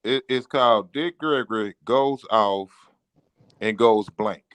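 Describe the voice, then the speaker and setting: A man's voice: fairly low pitch, takes it slowly, a bit bright, smooth. Eager joking man. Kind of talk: casual chat.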